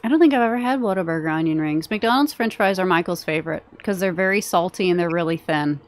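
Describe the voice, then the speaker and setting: A woman's voice: on the low side, fast. A woman in her thirties hosting a casual chat, giggling and reading out viewer comments. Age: 30s. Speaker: vlog host.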